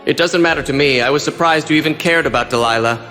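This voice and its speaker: Suave anime villain in deep reverb. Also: male voice, fast talker, pushed and bright. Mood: smug, calm. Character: suave, theatrical villainous schemer with grand plans. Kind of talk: anime dub acting. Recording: long reverberant hall, music behind.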